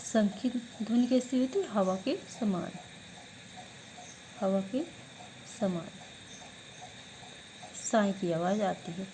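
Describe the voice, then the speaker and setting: A woman teacher giving an online class lesson, who asks questions and answers them herself, drilling words slowly syllable by syllable. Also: mid-range voice, warm tone, a little hiss or hum, low-quality recording.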